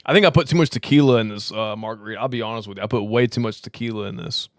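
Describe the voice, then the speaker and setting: A man's voice: on the low side, very fast, no echo. Guy hosting a laid-back livestream, a little drunk, rambling and cursing, clean close sound. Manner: loose, rambling, swears freely, laughs often. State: tipsy, slurring slightly. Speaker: crypto livestream host. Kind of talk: casual livestream chat.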